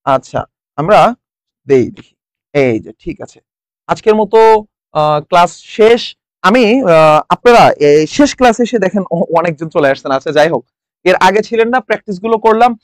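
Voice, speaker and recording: A man's voice: high-pitched, animated, normal speed, pauses often, no room sound. A young man from Bangladesh teaching a live exam-prep class online, quizzing students and repeating the answers. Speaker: online tutor.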